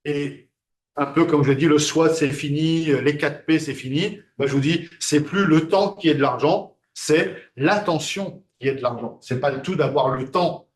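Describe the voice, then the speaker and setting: A man's voice: a little high, moderate pace, roomy sound. A man giving a classroom lecture, hesitant and full of fillers and restarts.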